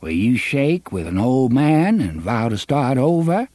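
A man voicing a quietly menacing old gunman with a reedy, quavering voice. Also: mid-range voice, very animated, a little slow, no room sound. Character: thin-smiling old male gunman, menacing.

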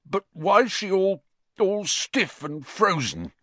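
A man's voice: sits high, huge pitch swings, slow pace, fairly bright tone, no room sound, voice pushed up, full character voice. A man voicing a bitter older school caretaker in an audiobook, choked with tears and snarling out accusations. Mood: tearful disbelief. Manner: snarling, shrieking, spitting accusations. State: tearful, choked. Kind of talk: audiobook character voice.

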